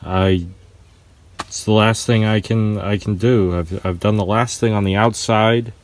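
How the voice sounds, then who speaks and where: A man chatting casually in a vlog, halting and repeating words, laughing often. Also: on the low side, steady tone. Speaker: vlogger. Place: outdoors by cars, then inside a car.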